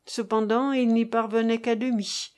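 A woman reading a classic novel aloud as an audiobook narrator, in an expressive, dramatic way. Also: fairly high pitch, moderate pace, clean tone.

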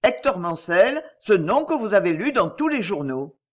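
A reader voices a gruff male police commissioner in an audiobook mystery, barking at the door and teasing a young inspector. His delivery is loud and blunt, and his pitch swings widely. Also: sing-song, normal speed, close to an everyday voice. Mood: mocking. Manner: barking, sarcastic.

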